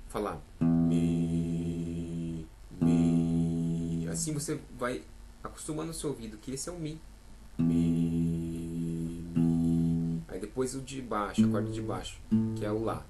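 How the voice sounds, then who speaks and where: A man's voice: mid-range voice, low-quality recording. Chatty Brazilian man teaching singing. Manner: chatty and encouraging, sings out sample notes. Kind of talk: casual vocal lesson.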